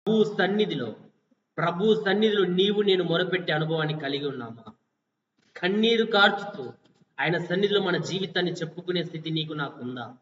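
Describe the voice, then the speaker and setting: Man, preacher, high voice, fasting sermon, rhetorical questions, loud and soft in turns, distant mic, dull sound. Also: reverberant, long reverb tail, a little hiss or hum. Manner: repetitive, rhetorical questions to listeners; swings between loud exhortation and soft quiet passages.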